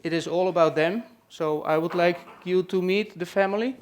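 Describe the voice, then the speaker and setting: Slight background noise accompanies a high-pitched Dutch man from the Netherlands as he introduces a family to a live audience. Speaking at normal speed, he hosts a farm tour session in a room at a trade expo. His manner is hesitant, with many "uh" and "let's say" fillers.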